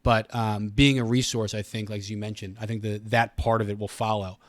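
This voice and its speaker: With little pitch movement and a normal speed, his low-leaning voice has no room sound around it. The speaker, a middle-aged American-accented communications director for a radio station from Pennsylvania, is a podcast guest who explains things earnestly and casually, often circling back on his words.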